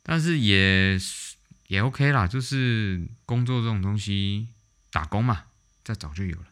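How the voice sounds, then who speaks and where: A man with a deep, low-pitched voice tells stories straight to camera in a relaxed monologue. He talks bluntly and animatedly and throws in some mild swearing. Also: a little slow. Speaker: vlog host. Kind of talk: casual storytelling monologue.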